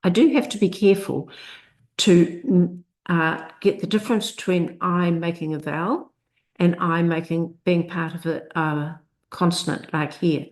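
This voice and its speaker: Speaking in a low-leaning, steady, darkish voice, a woman teaches literacy through an instructional screencast. She goes slowly, splitting long words into parts and sounding each one out with care.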